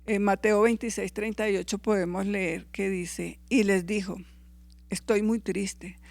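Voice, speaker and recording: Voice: mid-range voice, flat delivery, normal speed, creaky. A Bible teacher giving a class, reading verses aloud, fixing misread references and checking in with listeners. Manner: reads scripture aloud and corrects its own verse references; checks in with listeners with short tag questions.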